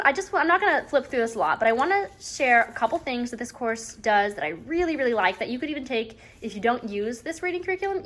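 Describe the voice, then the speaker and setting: Chatty homeschool mom, slightly high voice. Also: female voice, a bit bright. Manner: chatty, rambling, often says "anyways". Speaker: homeschooling mother reviewing a curriculum. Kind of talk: casual chat review. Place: at home at a table. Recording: faint background noise and clicks.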